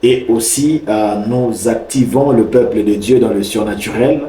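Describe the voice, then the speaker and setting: A man's voice: lowish voice, unhurried, warm tone, echoey room, slight background noise, poor audio. A man from Congo, a pastor speaking measuredly on a talk show with many hesitant fillers. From Congo (DRC). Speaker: pastor and prophet, guest author.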